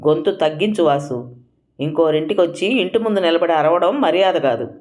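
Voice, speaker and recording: A woman's voice: medium pitch, sing-song, normal speed, a little mellow, voice pushed up, close to an everyday voice. A woman reading an audio story, voicing a firm elderly mother who speaks sternly to her son.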